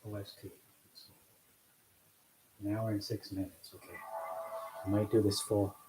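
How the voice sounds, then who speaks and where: A man's voice: on the low side, little pitch movement, measured pace, noisy background. A man casually chatting to camera as he cleans his bedroom, rambling and self-mocking with lots of fillers. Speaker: vlogger streaming himself cleaning. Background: faint chiptune music playing.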